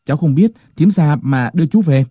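A man voicing Cuội, a cheeky young prankster boy, shouting in a high, frantic voice in a folk-tale telling. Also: animated, fairly quick, breathy edge, no room sound. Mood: hurried.

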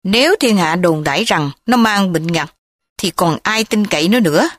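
A woman's voice: lowish voice, expressive, moderate pace. Woman reading a pleading old grandfather. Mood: worried. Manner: pleading, anxious.

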